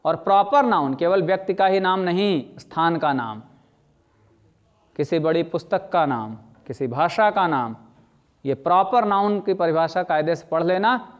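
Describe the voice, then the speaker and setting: A man with a high-pitched voice gives a classroom lecture on grammar. He explains patiently, repeats his key points and checks whether the students have understood. The recording sounds dull and slightly lo-fi. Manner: explains slowly, repeats key phrases, asks students questions. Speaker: language teacher.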